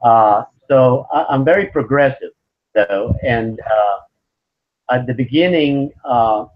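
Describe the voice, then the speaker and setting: This slow, medium-pitched male voice belongs to a Venezuelan man in his fifties giving conversational answers as an interview guest. The sound quality is lo-fi.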